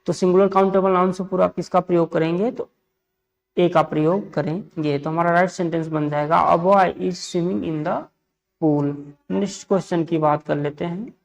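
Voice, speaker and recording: Gravelly Indian man teaching grammar. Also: sits high, fairly even intonation. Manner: repeats set phrases, asks and answers own questions; reads example sentences slowly. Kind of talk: exam-prep grammar lesson.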